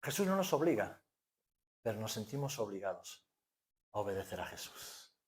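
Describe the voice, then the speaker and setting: A male pastor in his forties with an accent from Spain, preaching a sermon that swings from hushed to loud. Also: fairly low pitch, big pitch swings, moderate pace. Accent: Spanish from Spain.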